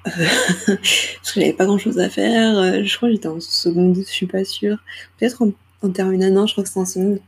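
A woman's voice: medium pitch, steady tone, fairly quick, slightly rough. A young woman hosting her own podcast, rambling casually with hesitations and self-deprecating asides, into a small microphone. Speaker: podcast host. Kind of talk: casual solo podcast chat.

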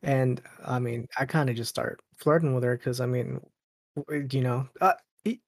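Gravelly-voiced man in his late twenties. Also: mid-range voice, steady tone, moderate pace, no echo, studio quality. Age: late 20s. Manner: rambling, laughs a lot, many fillers. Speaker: podcast guest. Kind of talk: casual storytelling.

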